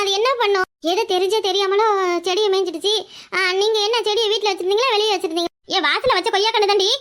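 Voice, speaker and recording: A woman voicing several quarrelling village women in a cartoon comedy, scolding and complaining in a southern Tamil village dialect. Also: fairly bright tone. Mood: lecturing. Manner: shrill, scolding, bickering. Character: loud squabbling village women, fussy and complaining.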